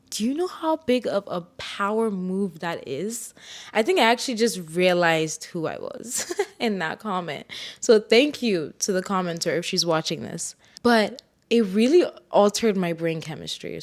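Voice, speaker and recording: A young woman from Ghana hosting a solo podcast, telling personal stories in a candid, reflective way with bursts of playful self-hype. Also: mid-range voice. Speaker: podcast host.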